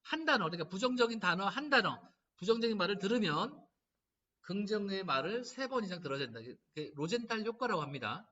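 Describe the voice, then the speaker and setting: A man lectures as a laughter therapist, acting out the remarks people make. His voice is high and bright and swings widely in pitch. It is picked up from a distance on a dull, lo-fi recording. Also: quick pace. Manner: animated storytelling, acting out quoted lines. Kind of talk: humanities lecture.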